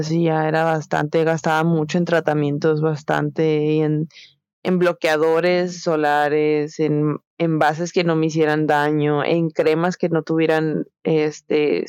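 A woman's voice: low voice, a little mellow, clean tone, no echo, dull audio. A young woman with a Mexican Spanish accent, telling a personal story in a candid, slangy way with many fillers. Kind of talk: casual storytelling chat.

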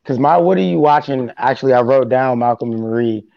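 A man's voice: mid-range voice, brisk, creaky, no room sound. A man hosting a podcast in a casual, chatty style. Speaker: podcast host. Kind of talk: casual chat. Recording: dry, slightly dull sound.

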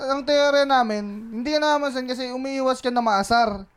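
A man's voice: very high-pitched, fairly even intonation, fairly quick, clear, resonant tone. A man co-hosting a casual podcast chat, teasing his friend and laughing a lot. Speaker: podcast co-host.

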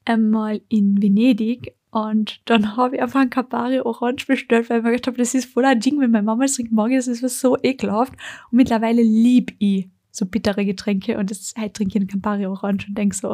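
A chatty woman with an Austrian accent talks through her solo podcast in a relaxed, informal way. Her voice sits a little high, and she slips into her own quoted thoughts as she tells her stories. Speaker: podcast host. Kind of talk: casual solo podcast chat.

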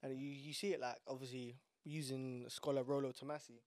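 A man's voice: medium pitch, flat delivery, a little fast, no echo, studio quality. A young man with a London urban street accent, chatting casually and emphatically in slang on a podcast. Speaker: podcast host.

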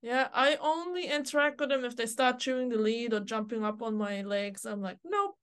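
A woman dog trainer co-hosting a podcast in casual chat, emphatic and quick to agree, often quoting dogs and owners aloud. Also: fairly high pitch, a bit bright, clear, resonant tone.

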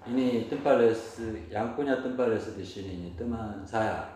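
Male Korean teacher, low voice, Korean accent, simple hesitant Indonesian as a foreigner, heavy room echo. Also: normal speed, darkish tone. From South Korea, village near Gwangju. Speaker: Korean language teacher, interview guest. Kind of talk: casual interview answers. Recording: very echoey room, faint noise.

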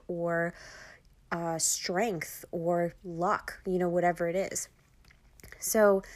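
Chatty Long Island woman podcaster. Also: on the low side. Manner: chatty, lots of fillers like "um" and "like". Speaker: podcast host. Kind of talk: casual podcast monologue.

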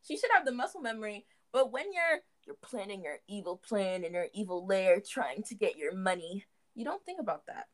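A woman's voice: mid-range voice, very animated, fairly quick, hardly any pauses. A young adult woman in a casual, playful chat about a movie. She laughs often.

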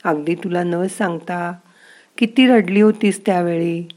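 A woman voicing the narrator's own mind as a gentle, wise inner voice that coaxes and softly scolds. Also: lowish voice, steady tone, unhurried, lightly acted. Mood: gently coaxing.

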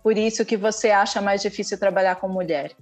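A woman's voice: mid-range voice, fairly even intonation, a little fast, darkish tone, faint music behind. A woman giving emphatic advice in a podcast conversation, her voice rising sharply on key points. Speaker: communication speaker.

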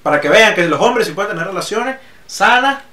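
A young man hosting a casual podcast, joking and teasing with quick asides. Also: sits high, animated, bright, forceful tone. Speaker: podcast host. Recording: roomy echo, a little off-mic.

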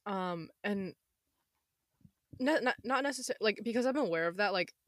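A twenty-year-old woman with a slightly hoarse voice, chatting casually in a rambling, self-interrupting way. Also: medium pitch, lively intonation, normal speed, no echo, clean studio sound. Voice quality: slightly hoarse, losing her voice. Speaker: podcast host. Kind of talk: casual chat.

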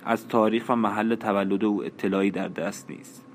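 A man reads a novel aloud in a measured, even style. His voice is low and steady. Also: a little hiss or hum. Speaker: narrator. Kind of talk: audiobook narration.

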